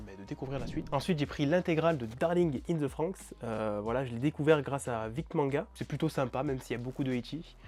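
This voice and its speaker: Speaking in a mid-range, slightly mellow voice, a young manga-collecting YouTuber chats casually as a vlog host. He enthusiastically shows off what he bought, using plenty of fillers along the way.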